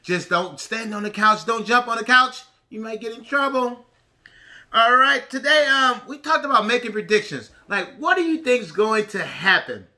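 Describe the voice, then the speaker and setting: Female pre-K teacher for a children's read-aloud. High pitch, sharp bright tone, emphatic and instructive. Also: lively intonation, moderate pace. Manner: reading to young children, asking and answering simple questions.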